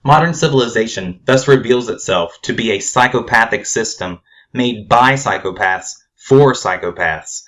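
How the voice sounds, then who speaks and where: A man narrating a scripted spoken essay in a measured, formal, grave manner. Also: mid-range voice, animated, a bit bright.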